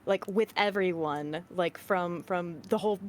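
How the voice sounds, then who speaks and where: A woman voice actor chatting casually as a livestream guest, excitable and self-deprecating. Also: fairly low pitch, unhurried, slight background noise.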